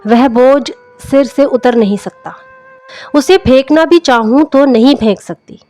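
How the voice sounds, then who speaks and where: Over background music, a woman tells a literary story as scripted audiobook narration. Her voice is high and warm, and her delivery is unhurried.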